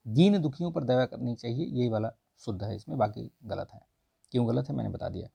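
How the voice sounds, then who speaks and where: Gravelly-voiced man tutoring casually. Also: mid-range voice, fairly quick, mellow. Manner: conversational, repeats "ठीक है" often. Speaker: exam prep tutor. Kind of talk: casual lesson explaining test answers.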